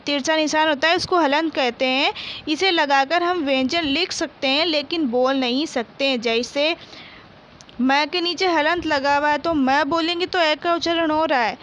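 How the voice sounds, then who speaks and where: A woman's voice: sits high, fairly bright tone, a little hiss or hum. A woman teacher gives a primary-school Hindi lesson. She reads each word twice and answers her own questions. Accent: Rajasthani Hindi. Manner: slow, patient, repeats each word twice for pupils; asks questions and answers them herself.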